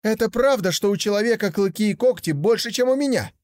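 A naive, hot-headed young tiger , as a man puts him on speaks in a high, lively voice. He swoops about as he exclaims and asks. The sound is close and dry. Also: brisk, dry recording. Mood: insistent.

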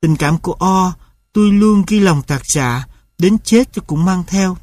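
A humble blind young man speaks tenderly and gratefully, as a male storyteller reads his lines. The voice sits a little high and the sound is dry. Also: measured pace, a little mellow, dry recording.

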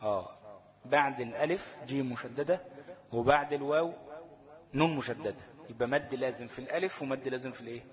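A man's voice: mid-range voice, fast talker, big-room sound. A man with an Egyptian accent teaching a Quran recitation lesson, asking questions and answering them himself. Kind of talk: Tajweed lesson in colloquial Arabic.

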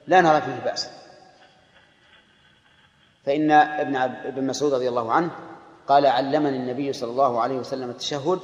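A Saudi man teaches in a slow, measured way, pausing and correcting himself as he explains. His voice rings through a large hall with a long echo. The old recording sounds dull and lo-fi. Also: mid-range voice. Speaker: scholar explaining a classic text. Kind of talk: religious lesson commentary.

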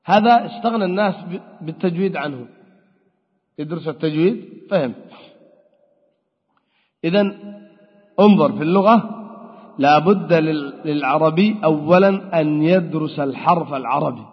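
In a lecture hall, a man teaches Arabic grammar step by step, asking his own questions and answering them. His slightly rough voice is on the high side, with a moderate pace and long pauses, and the recording is dull with a long hall echo.

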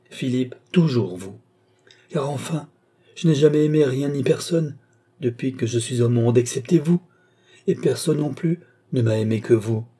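A man's voice: medium pitch, dark tone, slightly rough, natural voice. A man voicing a grieving young noblewoman who pleads tearfully with her brother.

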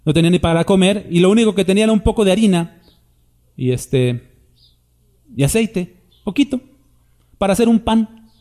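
Chatty preacher, mellow voice. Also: male voice, high-pitched, moderate pace, long pauses. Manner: conversational preaching with asides to the congregation. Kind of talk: sermon.

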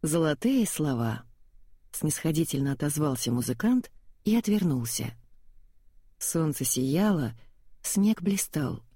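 A woman reads a story aloud in an even, measured way. Her voice is low, mellow and slightly husky, recorded close and dry. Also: dry recording. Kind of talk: audiobook story reading.

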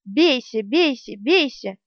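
A woman reading the part of a fierce, desperate female warrior in an audiobook, shouting and shrill. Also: expressive, moderate pace, no room sound, close to an everyday voice. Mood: furious desperation. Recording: dry, slightly dull studio sound.

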